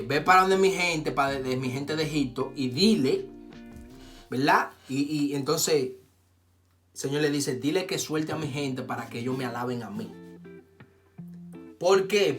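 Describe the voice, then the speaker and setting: A man preaching in a casual conversation, telling a scripture story with lively acted-out dialogue and urging his listeners on. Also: mid-range voice. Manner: animated storytelling, acts out dialogue, exhorts listeners. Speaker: co-host of a faith talk show. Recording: phone recording with guitar music behind.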